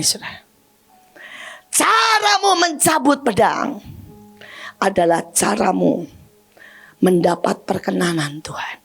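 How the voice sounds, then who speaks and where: A woman evangelist preaches with passion, her voice high and gravelly. She swings from shouted declarations to quiet asides, with soft music under her. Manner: impassioned, shouting at peaks, drops to soft asides. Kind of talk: sermon.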